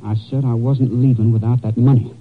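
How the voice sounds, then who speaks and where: A man's voice: mid-range voice, fairly even intonation, brisk, close to an everyday voice. A man playing a broke, whining, menacing gambler in a radio melodrama. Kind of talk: old-time radio melodrama acting. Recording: muffled, noisy vintage radio recording.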